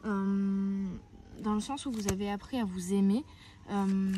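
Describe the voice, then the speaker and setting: Woman card reader, outdoors; gentle, halting delivery, audible noise and clicks on the track. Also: medium pitch, steady tone. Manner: hesitant, often searching for words. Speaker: tarot and oracle card reader. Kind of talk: weekly card-reading guidance. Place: outdoors, near a tree.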